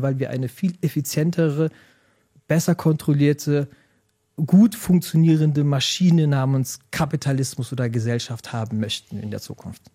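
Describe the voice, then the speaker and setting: A man's voice: mid-range voice, dry recording, clean studio sound. A middle-aged man from Germany, an author telling stories and explaining ideas in a conversational interview. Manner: animated storytelling, explanatory. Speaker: guest.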